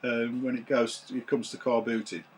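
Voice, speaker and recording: Sitting in a small room packed with retro computers, this man, who vlogs about collecting retro games, talks casually to camera at a moderate pace, rambling and saying um a lot. His voice is medium in pitch and still slightly rough after he lost it. The camera's built-in mic picks him up.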